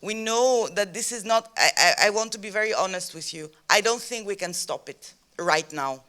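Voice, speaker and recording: A woman wraps up her panel talk in a conference hall in a candid, deliberate way. Her voice is bright and somewhat tense, and she speaks slowly. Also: medium pitch, expressive.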